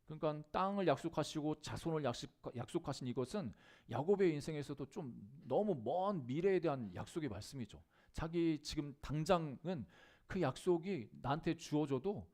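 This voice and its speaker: A man's voice: fairly high pitch, lively intonation, normal speed, a little mellow. A man preaching a Sunday sermon in a church, earnest, with frequent hesitation fillers and sudden emphatic rises on key words. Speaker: pastor. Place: church sanctuary.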